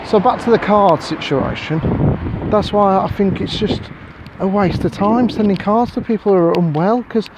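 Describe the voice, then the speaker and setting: A man's voice: high voice, moderate pace, background noise. An English man in his thirties rambling bluntly and swearing while walking outdoors past fields, filming himself on a phone. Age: 30s. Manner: sweary, blunt, ranting with sarcastic put-on voices. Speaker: vlogger. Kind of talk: casual rambling vlog.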